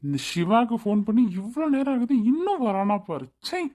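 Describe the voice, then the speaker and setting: A woman's voice: a little high, very animated, brisk, mellow. A woman voicing a grumpy, dismissive young businessman in a cartoon. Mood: irritated. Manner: irritable, offhand, dismissive. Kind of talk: cartoon voice acting.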